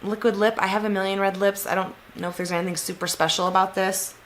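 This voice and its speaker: A woman's voice: mid-range voice, little pitch movement, quick pace, noisy background. A young woman with a nasal voice, chatting casually in a vlog as she reviews a subscription beauty box, giving frank opinions with fillers. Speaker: beauty vlogger.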